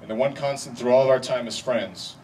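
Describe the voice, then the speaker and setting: A man of average pitch gives a best man's wedding speech. He speaks wryly and deliberately, leaving pauses for effect. The mic is some distance away, and clear background noise from the event surrounds his voice. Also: a little mellow. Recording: distant mic, noisy live event ambience.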